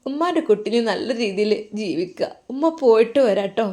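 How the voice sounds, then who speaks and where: A woman's voice: on the high side, expressive, a little fast, mellow, lightly acted. A woman voicing a doting older mother who coos affectionately.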